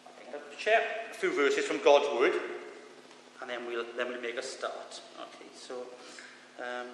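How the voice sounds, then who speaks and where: A man's voice: medium pitch, measured pace. A man with a thick Swansea Welsh accent giving an informal, self-deprecating sermon as a lay preacher. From Swansea, Wales. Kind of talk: informal sermon with Bible reading. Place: large reverberant church room. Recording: echoey hall, reverberant, with background noise.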